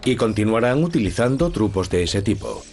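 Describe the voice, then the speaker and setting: A man with a fairly low, steady voice narrates a documentary in a measured and serious way. He reads a script over soft music playing behind him. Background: background music.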